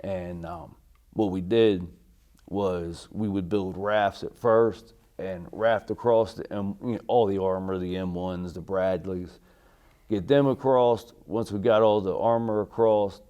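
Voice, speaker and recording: A middle-aged American man, a military veteran, recalling his service in an interview in a halting, polite way. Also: deep voice, fairly even intonation, mellow, lo-fi sound. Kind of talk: oral history interview, recalling army service.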